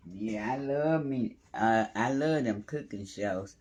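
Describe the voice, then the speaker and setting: A man's voice: fairly low pitch, slow pace, darkish tone, slight background noise. A man hosting a casual live cooking stream from his home kitchen, chatting and greeting viewers by name as he cooks. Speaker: home cooking livestream host.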